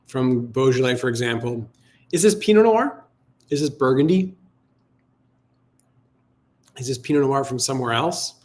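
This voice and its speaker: Male tasting host, mid-pitched, casual sommelier notes delivered as reflective, halting thinking aloud.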